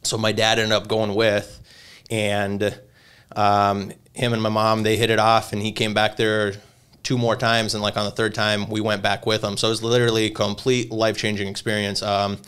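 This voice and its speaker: Smooth-voiced young man, rambling. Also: fairly low pitch, completely flat delivery, moderate pace, a bit bright. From Lithuania. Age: 20s. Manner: rambling, hesitant, many fillers. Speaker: podcast guest, pinstriper. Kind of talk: casual interview storytelling.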